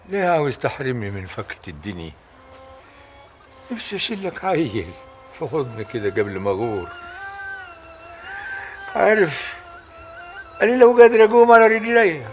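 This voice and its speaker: A stubborn bedridden old chief. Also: male voice, high-pitched. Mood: pleading. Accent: Upper Egyptian. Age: older. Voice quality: commanding, scolding. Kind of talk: period TV drama acting.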